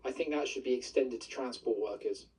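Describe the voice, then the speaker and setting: A man's voice: medium pitch, fairly quick, a little mellow, distant mic, slight background noise. A bus driver, a man, talking earnestly in a news interview, his voice electronically altered to hide who he is. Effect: voice electronically altered to hide identity.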